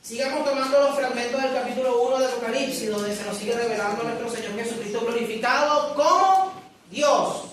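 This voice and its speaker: A woman preacher giving a sermon, reading scripture slowly and emphatically and asking the congregation questions. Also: fairly high pitch, far from the mic. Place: church hall. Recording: very echoey room, voice away from mic.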